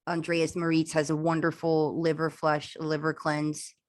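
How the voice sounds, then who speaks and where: A woman's voice: low-pitched, monotone, measured pace, no echo. A woman guest speaker talking earnestly and chattily on a video call, with many "um"s and "like"s. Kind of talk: casual video-call chat.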